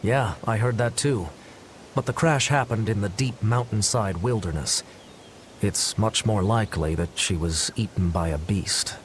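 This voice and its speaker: Game townsman played by a man: earnest, lowish voice, conversational storyteller, slight background noise. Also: a little slow, natural voice. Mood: somber, matter-of-fact. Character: earnest male townsman recounting grim local news. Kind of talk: video game voice acting.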